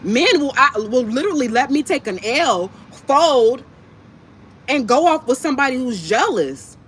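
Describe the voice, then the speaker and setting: High-pitched, animated woman talking while eating. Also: normal speed. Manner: blunt, profane, slangy, emphatic repetition. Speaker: livestream host talking to viewers. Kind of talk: casual, impassioned monologue to viewers. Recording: clear background noise.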